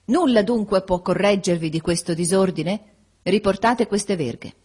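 A cruel, nagging schoolteacher, voiced by a woman narrating a storybook, barks corrections in a raised, strained voice. The husky grain of the reader stays under each sharp command. She never lets up on her pupil. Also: medium pitch, measured pace, pitched above the performer's own voice. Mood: scolding. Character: harsh stern woman schoolteacher, scolding.

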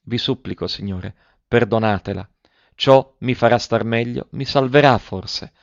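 A man reading aloud voices a frail, feverish elderly wife who pleads softly with her husband. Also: medium pitch, steady tone, a little slow, clean tone, no echo, voice pushed up, close to an everyday voice. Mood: begging. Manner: soft, pleading, timid. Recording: dull dry lo-fi recording.

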